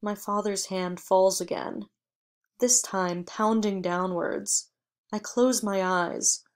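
A woman reading a short story aloud in measured, even first-person audiobook narration. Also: mid-range voice. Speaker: audiobook reader.

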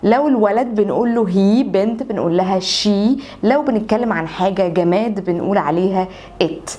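A young woman with an Egyptian Arabic accent leads a beginner English lesson. She explains each point, then says example sentences slowly and repeats them so that learners can copy her. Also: medium pitch, dark tone. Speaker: English teacher. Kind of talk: online language lesson.

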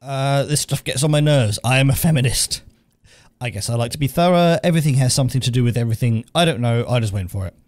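A man's voice: mid-range voice, quick pace, a little mellow. A man streaming a video game, reading his dialogue choices aloud with playful, chuckling commentary. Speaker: gaming streamer.

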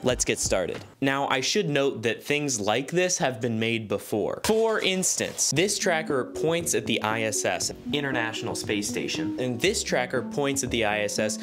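A man's voice: medium pitch, animated, moderate pace, few pauses, a bit bright. A young man narrating his own electronics build in a casual vlog, explaining steps with an upbeat, jokey manner. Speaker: maker vlogger. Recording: music playing behind. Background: background music.

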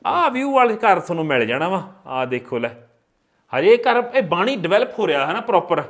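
A man's voice: high-pitched, sing-song, fairly quick, fairly bright tone. A man with a Punjabi accent hosting a casual house tour in a folksy, jokey, admiring manner. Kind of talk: casual on-location chat, touring a house.

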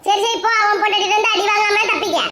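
A woman's voice: very high voice, steady tone, fast, noisy background. A woman with a Kanyakumari Tamil accent who performs a brash, scolding comic family skit. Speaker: comedy skit creator.

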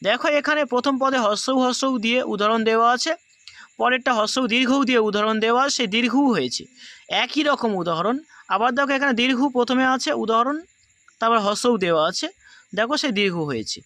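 Man, teacher, high pitched, bright tone, patient, repeats rules, dry recording. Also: fast talker. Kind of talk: recorded class lesson.

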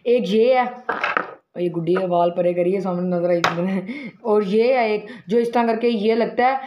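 A man's voice: sits high, moderate pace, lo-fi sound, noisy background. A man, chatting to viewers in a casual unboxing and mic-test vlog. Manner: chatty, talks straight to viewers, many fillers. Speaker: vlogger.

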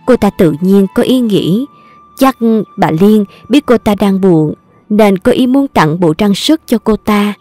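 A woman with a Southern Vietnamese accent narrating a family drama story in a steady, even way. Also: medium pitch, a little slow, no echo, faint music behind.

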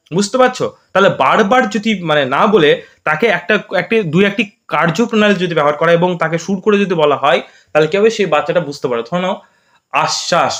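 A man's voice: sits high, a bit bright. A man teaching an exam prep lesson, explaining step by step and often checking "okay?".

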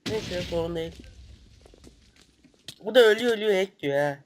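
A man's voice: high voice, moderate pace. Sick, stuffy-nosed young gamer guy. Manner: excitable, swears, sudden loud outbursts. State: sick with a stuffy nose and cough. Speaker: gaming channel host. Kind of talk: casual gameplay commentary.

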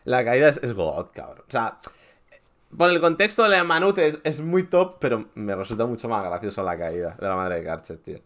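Lively young man. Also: medium pitch, moderate pace. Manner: casual, swearing, restarts often. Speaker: streamer voting in awards. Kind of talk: casual reaction commentary.

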